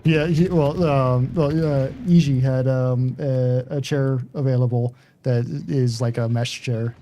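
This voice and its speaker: A man co-hosting a game livestream, talking casually in halting bursts with many pauses and restarts. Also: medium pitch, steady tone, mellow. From United States. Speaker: stream co-host. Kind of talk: casual chat while gaming.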